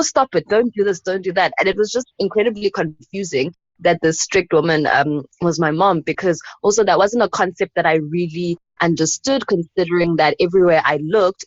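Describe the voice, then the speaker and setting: A woman in her thirties with a notably low voice talks reflectively as an interview guest, pausing on soft fillers as she thinks aloud. The recording is dull and lo-fi, and it sounds dry and close. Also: no room sound. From South Africa. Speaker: guest, anthropologist and poet. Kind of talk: casual interview conversation.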